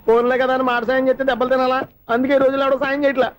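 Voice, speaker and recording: An actor playing an eager young man pitching a film story in a comedy scene. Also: little pitch movement, racing, a little hiss or hum. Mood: grumbling. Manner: eager, pleading.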